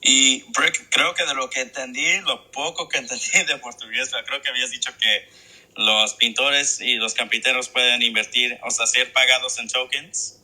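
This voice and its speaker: A man's voice: medium pitch, steady tone, normal speed, sharp tone, low-quality recording. A man appearing as a guest in a casual online chat, explaining things in a friendly way with many fillers. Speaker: guest co-host.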